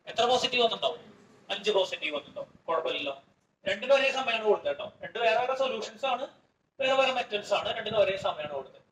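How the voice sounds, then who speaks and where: Male chemistry teacher, Malayali accent, high bright voice, quizzing and scolding in an echoey classroom. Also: recorded from a distance. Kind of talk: classroom lecture with questions to students. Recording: echoey classroom with faint noise.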